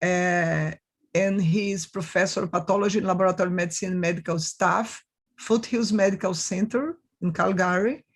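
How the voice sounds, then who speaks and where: Slow-paced woman moderating a conference. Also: mid-range voice. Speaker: session moderator. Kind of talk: formal conference introduction.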